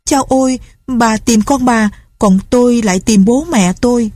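A frightened young woman pleads desperately in a high, breathless voice, put on by a woman reading a storybook aloud. There is a husky grain under the raised pitch, and the sound is dry and close. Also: unhurried, darkish tone, dry recording. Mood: exhausted.

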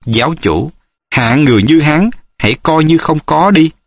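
A blunt, hot-tempered follower , as a male narrator plays him spits out his words gruffly and indignantly. The pitch leaps about and the sound is dry and close, like an audiobook. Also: lively intonation, normal speed, no room sound.

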